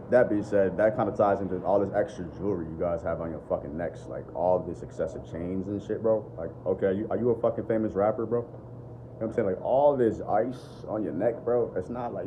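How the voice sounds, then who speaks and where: A deep-voiced young man, a dating and self-improvement vlogger, talks off the cuff to a phone camera held at arm's length in his living room. He's blunt and profane, keeps saying "bro" and "bottom line," and speaks fairly quickly. The highs are cut off and there's noise in the background.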